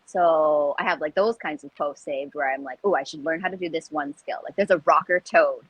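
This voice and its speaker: A woman chatting casually as a guest, animated and self-deprecating, repeating words for emphasis. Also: low voice, a little fast, breathy edge, dry recording, poor audio. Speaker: guest, recreational jump roper. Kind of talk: casual chat about learning skills.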